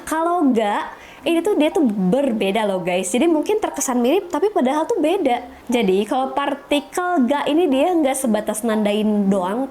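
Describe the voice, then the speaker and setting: A woman's voice: on the high side, darkish tone, slight background noise. A woman teaching Japanese in a casual video lesson, chatty and often asking her viewers rhetorical questions.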